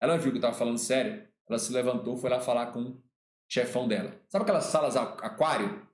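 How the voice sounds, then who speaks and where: A man's voice: mid-range voice, quick pace. A man with a Brazilian Portuguese accent, a law teacher, tells a personal anecdote in a colloquial way, acting out the dialogue and repeating words. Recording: roomy echo.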